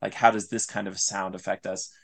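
His voice low and creaky with little pitch movement, a man talks briskly as an interview guest. He's an audio drama writer reflecting on craft, explaining his creative thinking earnestly, discursively and analytically.

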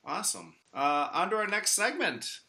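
A man's voice: sits high, sing-song, moderate pace, sharp tone. An American man chatting casually as a podcast host, in a jokey manner. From Chicago, United States. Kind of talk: casual chat.

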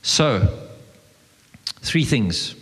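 A man's voice: medium pitch, animated, drawn-out words, fairly bright tone, husky, big-room sound. A man leading a church teaching, guiding a partner with questions and prompts and using many fillers.

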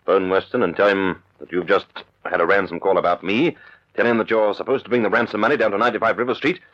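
An actor playing a calm, self-assured gentleman detective in an old radio drama, speaking in a measured way. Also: lowish voice, dull audio, close to an everyday voice. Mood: resolute. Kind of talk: vintage radio drama acting.

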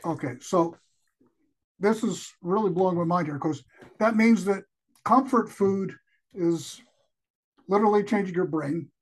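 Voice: medium pitch, measured pace, long pauses, breathy edge. A co-host on a podcast interview who cracks jokes and nods along with short fillers. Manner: joking, with short "mm-hmm" fillers. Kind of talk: casual interview talk.

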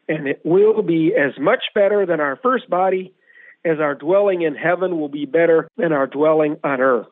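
A man's voice: a little high, dry recording. A man teaching the Bible on a radio program, explaining scripture in a methodical way and putting questions to his co-host. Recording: tinny, phone-like radio audio.

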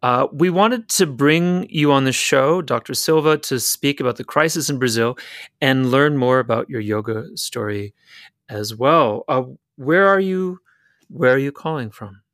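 A man's voice: medium pitch, a little slow, a bit bright, no echo, clean studio sound. A man co-hosting a podcast interview, partly reading an introduction, in a formal and somewhat hesitant manner. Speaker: podcast co-host.

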